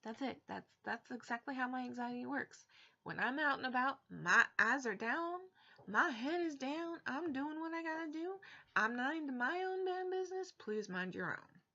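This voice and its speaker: A young woman with a high-sitting, pushed and bright voice speaks animatedly at normal speed in a personal vlog. Frank and exasperated, she tosses off blunt asides in her bedroom while a webcam at her desk captures dull, lo-fi audio.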